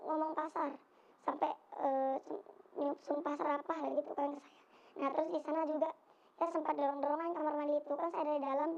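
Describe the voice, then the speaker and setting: A young woman giving spoken testimony, halting and hesitant with many fillers, on a dull lo-fi recording. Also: sits high. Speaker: interviewee recounting an assault.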